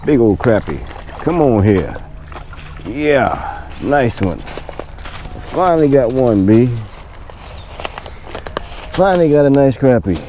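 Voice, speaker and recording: A man filming himself fishing from a lakeshore with a head-mounted camera, talking excitedly to the fish as he reels them in. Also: mid-range voice, slow pace, pauses often, a little hiss or hum. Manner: talks to the fish while reeling. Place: outdoors on a lakeshore. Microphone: head-mounted action camera.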